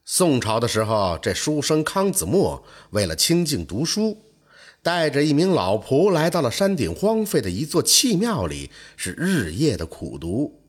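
A middle-aged man narrating a folk tale in an animated, colloquial storyteller's way. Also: mid-range voice, unhurried, husky.

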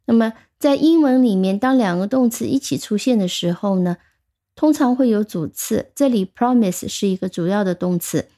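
A woman teaches English vocabulary in an unhurried, methodical way. Her voice is mellow and warm, and her pitch sits in the middle. She slows down to spell out and pronounce each English word with care. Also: lively intonation. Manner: patient, explains step by step, slows down for English words. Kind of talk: vocabulary lesson.

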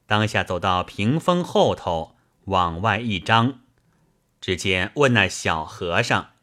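A man narrating a classic novel aloud at an unhurried pace. His voice is low-pitched yet bright and forceful. His intonation rises and falls in a lively way. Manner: slow, expressive reading. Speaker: storyteller.

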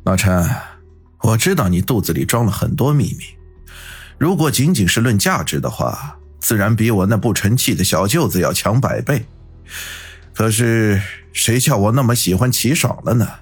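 A man voicing a cold, scheming middle-aged gang boss with a husky voice. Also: on the low side, expressive, moderate pace, faint music behind. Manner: cold, menacing.

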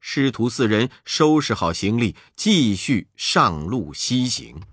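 Slow expressive male storyteller. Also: mid-range voice, slightly rough, dry recording. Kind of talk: children's story narration.

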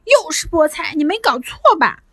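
A woman voicing an angry little boy who shouts and whines in outbursts. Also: lively intonation, slow, dry recording, clean studio sound, full character voice. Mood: sulky. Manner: shrill, whiny outbursts.

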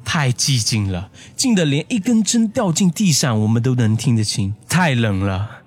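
Husky-voiced man telling a horror story. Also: medium pitch, sing-song, moderate pace. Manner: hushed, suspenseful telling. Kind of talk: first-person horror story narration.

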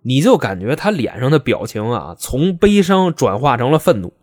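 A young man recounts a true-crime case like a fireside chat. His telling is colloquial and full of wry asides. His pitch sits mid-range but rises and falls a lot. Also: big pitch swings, normal speed, a little mellow. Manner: chatty, joking asides, colloquial. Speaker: podcast host and storyteller. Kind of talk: casual true-crime storytelling.

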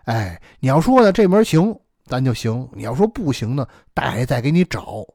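A man's voice: medium pitch, sing-song, normal speed, darkish tone, no room sound, clean studio sound. A man voicing a kindly elderly neighbor, talking earnestly and fatherly in a storytelling performance. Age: older. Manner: earnest, self-reproaching, fatherly.

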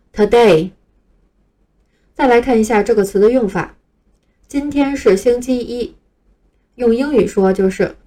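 A woman's voice: medium pitch, mellow. Patient woman teaching English basics. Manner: patient, slow, spells words letter by letter. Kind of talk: scripted lesson for beginners.

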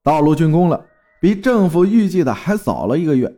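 A man's voice: on the high side, big pitch swings, a little fast, dark tone. A man from Fujian narrating a folk tale in a dramatic storytelling manner. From Fujian, China.

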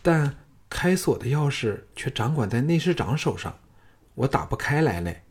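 A male narrator voicing a tender, wistful young palace consort in a raised, hushed voice. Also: mid-range voice, lively intonation, moderate pace, breathy edge. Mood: eager.

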